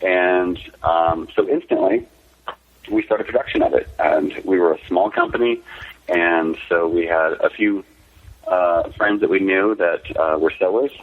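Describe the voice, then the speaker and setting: A man's voice: deep voice, measured pace. A man, a company founder, telling candid, rambling anecdotes in a casual interview over the phone. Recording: tinny phone line.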